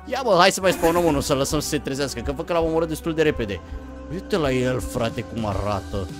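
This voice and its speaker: A young man giving excited gameplay commentary, talking straight to viewers and swinging from hushed murmurs to sudden yelps. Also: fairly high pitch. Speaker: gaming YouTuber. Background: game music.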